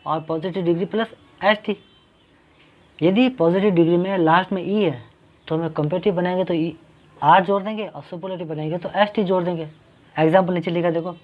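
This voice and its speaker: A man teaching an English grammar lesson. He explains patiently, repeating each point and asking questions that he then answers himself. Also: high-pitched. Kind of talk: classroom-style grammar lesson. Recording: dull lo-fi recording.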